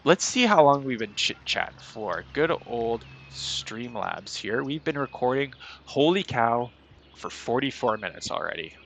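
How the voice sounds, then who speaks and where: A gaming streamer with a mid-range, slightly bright voice and a nasal head cold chats casually while playing a city-building game on stream, rambling along in a very animated but somewhat slow, self-deprecating way. A little hiss or hum sits under the audio.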